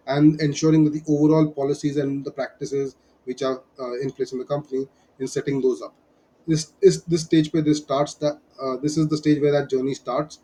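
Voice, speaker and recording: A man's voice: medium pitch, warm tone, poor audio. A man with an Indian accent giving an explanatory lesson as a business advisor, emphatic and prone to repeating his key points. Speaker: business advisor teaching startup fundraising.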